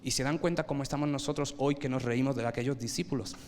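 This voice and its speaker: A man preaching a sermon, swinging from loud emphatic bursts to low quiet lines and asking his listeners rhetorical questions. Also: fairly even intonation, fast, slight background noise.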